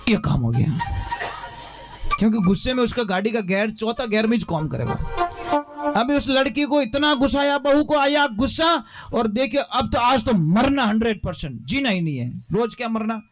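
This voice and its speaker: High-voiced folksy Rajasthani preacher. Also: male voice, lively intonation, moderate pace, fairly bright tone, soft background music. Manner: folksy and humorous, switching into local dialect for characters. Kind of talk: storytelling sermon.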